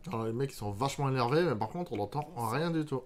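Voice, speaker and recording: A man's voice: mid-range voice, animated, fast. A man giving casual let's-play commentary as a gamer, slangy, sweary and grumbling. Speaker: gaming streamer. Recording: game music behind the voice.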